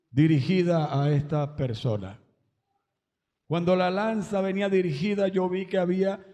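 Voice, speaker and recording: A man's voice: a little high, dark tone, big-room sound. A man giving an emotional religious testimony at a church service, breaking into exclamations of praise.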